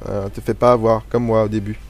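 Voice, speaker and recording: A man's voice: fairly low pitch, little pitch movement, brisk, darkish tone. A man hosting a casual live web radio show, rambling and self-mocking with lots of hesitations, talking over a music bed. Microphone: studio microphone. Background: faint music bed.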